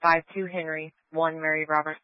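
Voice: medium pitch, little pitch movement, moderate pace, dry recording. A police dispatcher calling over the radio, clipped and matter-of-fact, spelling out registration plates letter by letter. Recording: tinny, dry police radio transmission.

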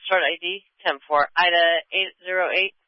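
A man's voice: high voice, steady tone, normal speed. A man working as a police dispatcher over a police radio, giving calls in clipped phrases and repeating addresses and numbers. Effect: police radio transmission. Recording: dull, dry lo-fi police radio.

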